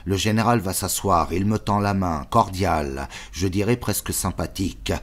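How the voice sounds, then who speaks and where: A man reading a novel aloud in measured, choppy literary phrases. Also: low-pitched. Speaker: audiobook narrator.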